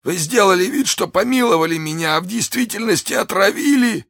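A shrieking dying soldier. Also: male voice, animated, fairly quick, creaky, a bit bright, dry recording, studio quality, heavily acted. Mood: anguished accusing. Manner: shrill desperate accusing cries. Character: poisoned dying young male soldier, anguished. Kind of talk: audiobook character voice.

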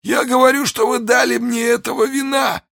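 A man's voice: level tone, moderate pace, creaky, a bit bright, dry recording, shouting, full character voice. A poisoned young soldier howls his accusations in a strained, far-off shriek, well above a man's normal range. The voice cracks with agony and desperation, recorded in a dry booth. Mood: anguished accusing. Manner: shrill desperate accusing cries. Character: poisoned dying young male soldier, anguished. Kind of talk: audiobook character voice.

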